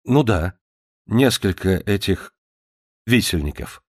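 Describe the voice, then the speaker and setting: A man voicing a polite, careful gentleman homeowner who speaks quietly and with restraint in an audiobook. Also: lowish voice, lively intonation, slow, no echo, studio quality.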